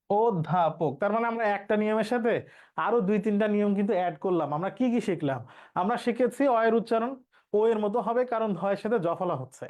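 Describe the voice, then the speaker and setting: A man's voice: sits high, darkish tone. A male teacher, explaining pronunciation rules step by step and repeating each key point for his students. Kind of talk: online exam-prep lesson.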